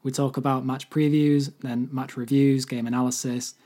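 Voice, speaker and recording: A man with a hoarse, mostly lost voice hosting a solo football podcast, giving earnest fan opinions. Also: medium pitch, little pitch movement, normal speed, warm tone. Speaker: podcast host.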